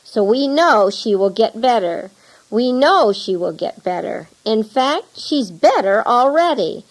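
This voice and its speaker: Cast: anxious, protective village mother, raised pitch and pleading tone, read by a woman narrator. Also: animated, a little slow, poor audio. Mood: relieved. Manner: pleading, worried exclamations.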